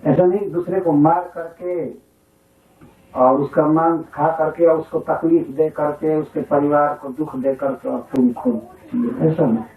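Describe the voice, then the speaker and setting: A distant, echoey, unhurried preacher man. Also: on the high side, steady tone. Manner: chuckles often, quotes Sanskrit verses, tells village anecdotes. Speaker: spiritual teacher giving a scripture talk. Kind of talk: sermon-style storytelling. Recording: echoey hall, distant phone-like lo-fi 1996 tape.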